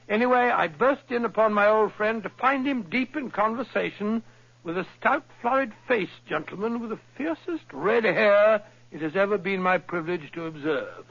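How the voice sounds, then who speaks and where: An actor playing Doctor Watson, a genial, hesitant narrator, in a 1940s radio drama from a dull old broadcast. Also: male voice, high-pitched, expressive, normal speed, a bit bright, heavily acted. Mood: storytelling.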